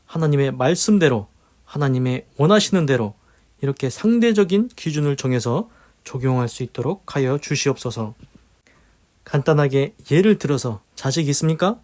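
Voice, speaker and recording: A man's voice: mid-range voice, expressive, normal speed, darkish tone. A man giving a devotional Bible commentary, earnest and emphatic, moving between teaching and spoken prayer and repeating his key phrases. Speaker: preacher leading a daily devotional.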